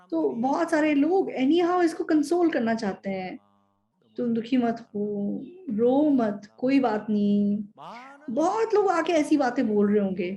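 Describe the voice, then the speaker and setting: A woman's voice: high voice, warm tone, muffled recording. A woman interpreting a sermon, speaking in an earnest, explanatory way and repeating key phrases.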